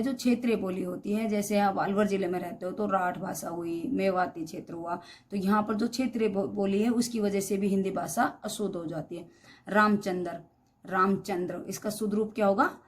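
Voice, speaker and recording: A woman's voice: mid-range voice, fairly quick, darkish tone. A woman teaching Hindi spelling, saying each word twice and asking the class questions. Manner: reads each word twice, wrong then correct, with quizzing questions; addresses students as beta. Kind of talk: classroom lesson on spelling errors.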